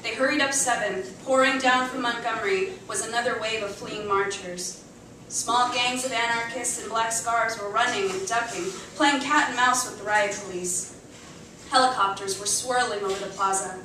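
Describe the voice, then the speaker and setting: Reading a short story aloud at a live literary show in a cafe, a woman speaks with a voice on the high side at a moderate pace, dramatizing chants and dialogue for the audience. The recording is echoey with a distant mic and faint noise.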